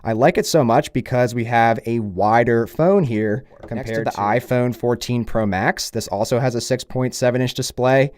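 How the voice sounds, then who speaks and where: A man's voice: mid-range voice, darkish tone, dry recording, studio quality. A man giving a casual, upbeat product review in a conversational, approving way. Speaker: tech reviewer.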